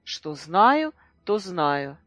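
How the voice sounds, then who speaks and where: A reader voicing a furious young boy who defies his mother, with a shouting, indignant voice that breaks. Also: medium pitch, very animated, unhurried, dry recording, pitched above the performer's own voice.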